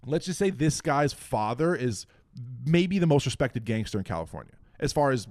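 A man's voice: mid-range voice, very animated, normal speed, darkish tone, no echo, studio quality. A young man, a guest music producer, telling a long story in casual podcast chat, swearing freely.

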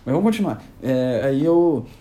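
A young man, improvising an animated, rambling comic monologue. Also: mid-range voice, moderate pace.

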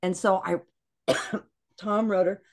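A woman guest in casual podcast chat, animated and acting out quotes in lively voices. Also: mid-range voice, slow.

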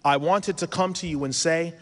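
The voice sits on the high side and moves at normal speed: a man in his thirties with a foreign accent, which he mentions himself, lecturing earnestly on religion at a conference. Advice and rhetorical questions run throughout, with the hall's reverb audible.

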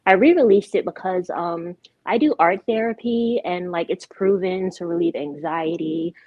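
A young woman talks candidly in a relaxed interview, her voice sitting a little low. The recording is dry and close, with a dull, lo-fi tone. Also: normal speed, dry recording. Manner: candid, outspoken. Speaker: guest, artist. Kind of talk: casual interview.

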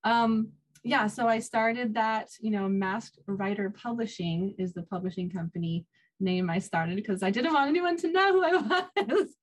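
Appearing as a self-published author in a relaxed interview, a woman speaks at a measured pace in a mid-range voice. Her manner is informal, with little laughs dropped between her phrases.

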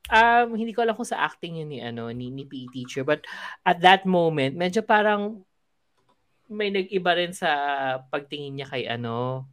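A speaker with a Filipino accent co-hosting a podcast, reviewing a series in casual chat, mixing in English and pausing to search for words. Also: mid-range voice, animated, fairly bright tone, no echo. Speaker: podcast co-host.

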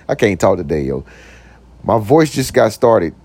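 With big pitch swings and a darkish tone, a young podcast host speaks unhurriedly, his voice having recently dropped deeper. His casual motivational talk is loose and slang-heavy, sprinkled with "you know what I'm saying," as he jokes around and does silly voices.

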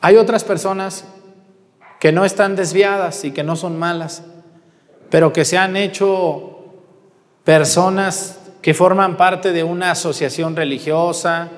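Mexican priest preaching in a reverberant church. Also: male voice, sits high, measured pace. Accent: Mexican Spanish. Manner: animated, asks the congregation questions, drops to a hush for emphasis. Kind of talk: sermon. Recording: long hall reverb in a church.

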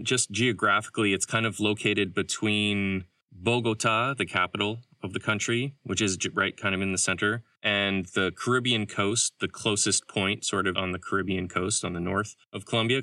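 A man's voice: on the low side, no echo, distant mic. A young man co-hosting a podcast, talking in a loose, rambling way with lots of filler words. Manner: relaxed, rambling with many "like" fillers. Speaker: podcast co-host. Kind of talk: casual chat.

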